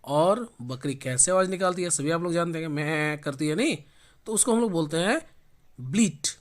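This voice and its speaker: Speaking with a fairly high pitch, a male teacher runs an English revision lesson in Hindi. He asks his own questions, answers them, and slows to spell out words one letter at a time.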